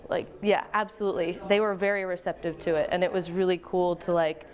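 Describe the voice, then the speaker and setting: An American woman giving informal interview answers in a halting, conversational, reflective way. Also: lowish voice, steady tone, highs cut off. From Pennsylvania, United States. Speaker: professional photographer and project advisor.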